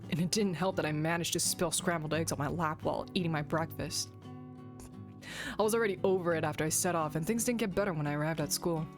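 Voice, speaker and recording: A woman streamer reading a visual novel aloud and joking between passages. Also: lowish voice. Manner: playful, giggly asides. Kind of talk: reading a game aloud and commenting. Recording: background game music.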